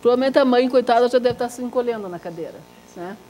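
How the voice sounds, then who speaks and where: A woman teacher leading a live Suzuki violin workshop, lively and demonstrative, chanting body parts in rhythm with the group. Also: fast talker, over music. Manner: lively and demonstrative, drops to a soft low voice to make a point. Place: workshop room with a group of students.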